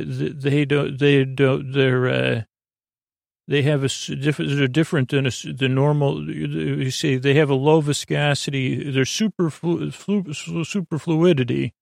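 Hosting a bedtime story podcast, a man with a creaky, slightly high voice delivers a rambling, meandering monologue meant to lull listeners to sleep. He's soothing and gently whimsical, halting and stammering as he wanders off on tangents. The recording is dry and of studio quality.

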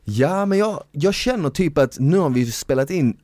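A man's voice: fairly high pitch, animated, a little mellow, dry recording. A man hosting a podcast in a studio, chatting eagerly with many fillers and restarts. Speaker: podcast host. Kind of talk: casual chat.

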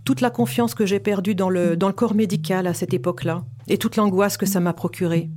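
A woman's voice: medium pitch, steady tone, fairly quick, over music. A woman in her fifties candidly recounting her experience as a patient, in an earnest personal testimony. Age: 50s. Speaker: patient sharing her cancer story.

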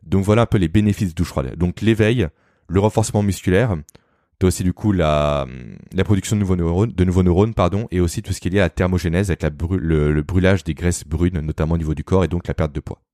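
Guy w a really low voice, rattling off explanations fast, dry sound. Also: dark tone, no echo. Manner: fast, didactic, addresses the listener informally. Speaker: guest explaining health topics. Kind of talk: explanatory podcast talk.

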